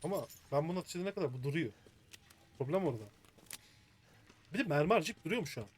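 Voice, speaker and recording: A man's voice: a little high, lively intonation, fast, a little hiss or hum. A man commentating his own video game play, muttering to himself in frustration as he works through a puzzle. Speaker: gaming streamer.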